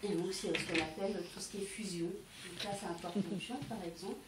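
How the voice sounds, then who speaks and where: A woman's voice: fairly low pitch, fairly even intonation, fast. A woman selling candles to guests at a home party, explaining each product step by step with frequent hesitations. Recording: echoey room, distant mic, faint noise.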